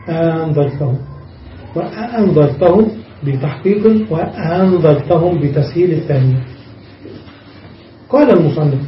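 Male teacher, high voice, slow example drills; far from the mic in an echoey room. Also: dull audio, a little hiss or hum. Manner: explains step by step, reads from a text and repeats examples slowly. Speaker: Arabic grammar teacher. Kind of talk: classroom grammar lesson.

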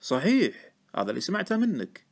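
A man with a Gulf Arabic accent voicing a calm, shrewd old male stock trader, speaking in a cool, dry, unhurried way. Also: fairly high pitch, breathy edge, heavily acted. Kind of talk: audiobook character voice.

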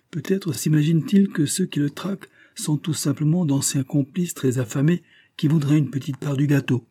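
A man's voice: mid-range voice, warm tone, husky, pitched above the performer's own voice, natural voice. A man voicing a stout, commanding older detective who speaks curtly and with full confidence. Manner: curt, sure of himself, peremptory.

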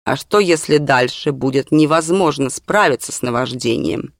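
An audiobook reader voicing an earnest, serious young male teacher in calm, measured speech. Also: mid-range voice, creaky, dry recording, studio quality, natural voice.

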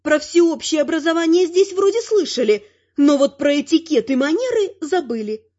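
A woman reading first-person fantasy audiobook narration with wry, expressive delivery. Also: high voice, moderate pace. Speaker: audiobook reader. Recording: slightly dull lo-fi sound.

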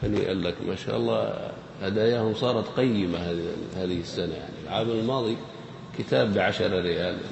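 A man's voice: fairly low pitch, fast, creaky. A man teaching a grammar lesson, quizzing his audience in a playful, teasing way. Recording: echoey hall with faint noise.

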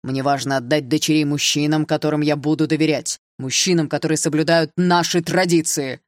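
A woman's voice: deep voice, a little fast, gravelly, darkish tone, no echo, studio quality. A woman reading an audiobook, voicing a stern, traditional middle-aged father who lectures his daughter. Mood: angry.

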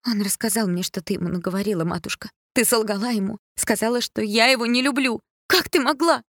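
A woman's voice: fairly high pitch, fast, fairly bright tone, dry recording, clean studio sound, voice pushed up. A woman voicing a young princess who accuses her stepmother in an audiobook. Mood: reproachful. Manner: pleading, reproachful. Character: hurt, defiant young princess.

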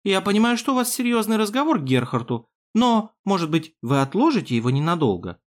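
A man's voice: sits high, sing-song, voice pushed up. A man doing a cold, velvety-voiced woman. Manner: cold, measured.

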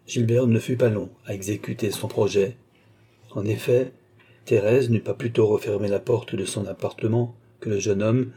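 Low, husky male audiobook narrator. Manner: steady, measured storytelling. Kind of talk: audiobook narration of a classic novel.

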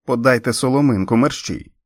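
A man voicing a capable woman who calls out quick, insistent instructions during a birth, in an audiobook reading. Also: medium pitch, fairly even intonation, no echo, close to an everyday voice. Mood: brisk, insistent. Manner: brisk, insistent. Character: capable woman delivering a baby, brisk.

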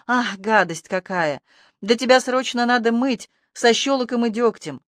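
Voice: mid-range voice, measured pace, fairly bright tone, no echo, studio quality, voice pushed up, close to an everyday voice. An audiobook narrator voicing a wary, prickly young village girl who speaks indignantly. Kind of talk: audiobook character voice.

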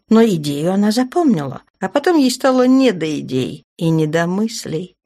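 A woman reading a novel aloud as audiobook narrator, in an even, measured way. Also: on the low side.

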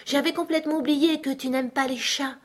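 A woman's voice: high voice, fairly even intonation, a little fast, pitched above the performer's own voice, close to an everyday voice. A woman voicing a curious, polite little girl who talks eagerly to please.

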